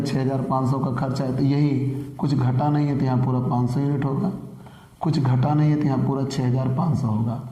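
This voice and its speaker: A hoarse man teaches a commerce class in a mellow, dark voice. He repeats himself and quizzes the class, answering his own questions. The room is echoey, with a long reverb tail. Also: mid-range voice. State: sore throat. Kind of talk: classroom lecture.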